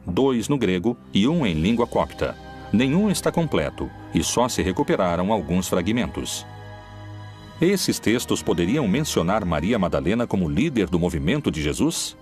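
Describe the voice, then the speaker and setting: Deep brazilian guy narrating a documentary, measured, swoopy delivery, soft music behind. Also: big pitch swings. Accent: Brazilian Portuguese. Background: faint music.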